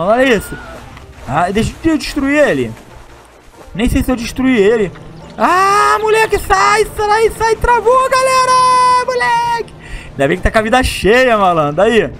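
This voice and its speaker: A young man from Brazil with a high-pitched voice. He commentates his game play in a loud, slangy, excitable way, breaking into shouts at big moments. Faint game music plays under his voice. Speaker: gaming YouTuber.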